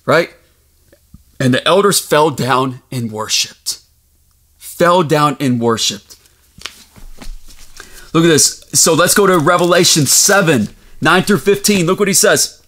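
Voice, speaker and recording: Fervent high-voiced male preacher. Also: takes it slowly, pauses often. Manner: fervent, rising to shouts, rebuking. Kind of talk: sermon with scripture reading.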